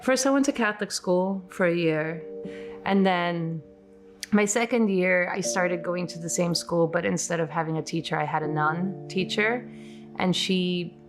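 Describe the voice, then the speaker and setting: A Polish woman in her forties casually recalls her childhood in a documentary interview, using many fillers. Her voice is fairly low and a little slow, heard over music.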